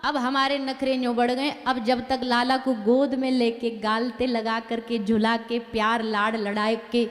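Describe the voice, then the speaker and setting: A woman's voice: fairly high pitch, flat delivery, normal speed, lightly acted. A woman voicing a stubborn male ascetic god with a Braj accent, speaking in an insistent, obstinate way. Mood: boastful. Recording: long hall reverb, faint music.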